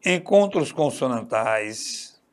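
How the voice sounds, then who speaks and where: A man's voice: medium pitch, lively intonation, takes it slowly. A man teaching an online exam-prep Portuguese class, emphatic and repetitive, often checking in with his students. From Brazil. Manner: emphatic, repeats key points, asks "tá certo?".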